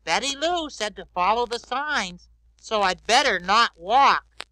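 A man voicing a big, sweet, childlike yellow bird on a read-along record, innocent and wondering aloud. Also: high-pitched, lively intonation, a little slow, noisy background. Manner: innocent, wondering, talks to himself.

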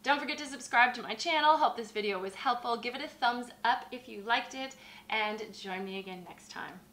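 Bright-voiced upbeat woman in a kitchen. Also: on the high side, fairly quick, a little hiss or hum. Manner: upbeat, gestures as she talks. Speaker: dietitian host. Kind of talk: friendly cooking explainer. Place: home kitchen, indoors. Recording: echoey kitchen.

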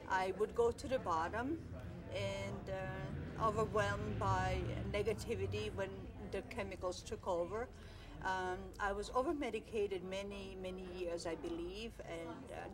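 An older woman from Croatia, a mental health advocate, speaking earnestly to camera in a studio with many pauses and fillers. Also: mid-range voice, poor audio. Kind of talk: speaking to camera in a filmed interview. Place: studio with blue backdrop.

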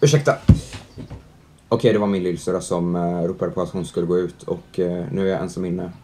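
A young man doing chatty let's-play commentary at home, reading out the game's prompts, joking with it and reacting loudly to scares. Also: low voice, steady tone, a little hiss or hum. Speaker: gaming youtuber. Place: at home, indoors.

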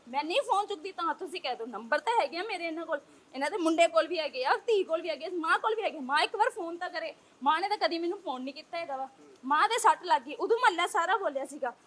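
A young Punjabi woman with a Punjabi accent, giving an agitated interview to reporters and pressing one rapid rhetorical question after another. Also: very high-pitched, a bit bright. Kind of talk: heated street interview.

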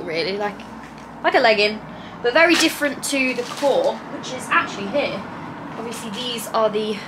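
A woman's voice: a little high, noisy background. A woman in her twenties chatting casually to camera in a small bedroom, upbeat and full of fillers. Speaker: lifestyle vlogger. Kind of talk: casual vlog chat to camera. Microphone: camera mic at close range.

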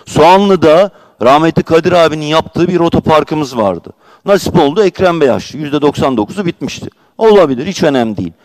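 A man's voice: a little high, animated, a little fast, a little mellow, no echo. A man speaking as a district mayor in a city council chamber, giving an indignant, emphatic speech and talking over interruptions.

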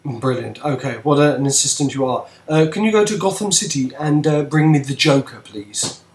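A man voicing Wormtail, a cheerful male rat-man hosting a cooking show in an amateur brick-film cartoon, with chatty, lively cooking-show patter. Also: on the high side, normal speed, natural voice. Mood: chirpy. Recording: echoey room.

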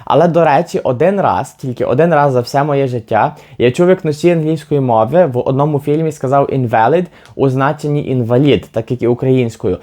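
A man explaining English words to viewers in a patient teaching manner, slowing down to say example phrases. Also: mid-range voice, dark tone.

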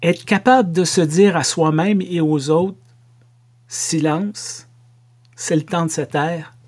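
A middle-aged pastor with a Québécois French accent preaches to the camera from his home office. His sermon is slow and measured, broken up by playful asides, and his voice sits on the high side with a slightly mellow quality.

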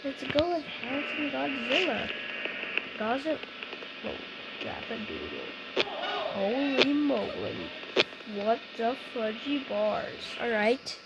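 A young female gamer chatting excitably and getting easily startled while playing a game with friends. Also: high-pitched, takes it slowly, creaky, muffled recording. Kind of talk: casual gameplay commentary. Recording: noisy home recording.

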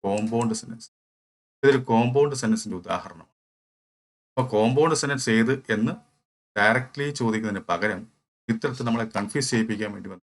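A man's voice: lowish voice, fast talker, pauses often. A man with a Malayali accent teaching English grammar for an exam, explaining step by step and answering his own questions. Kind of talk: exam-prep lecture.

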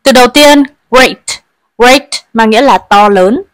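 A woman leads a bilingual English lesson for pupils, patiently explaining each word and having the class repeat after her. Her voice sits a little high. The recording is dry, with no room sound. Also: a little slow, dry recording. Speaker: English teacher.

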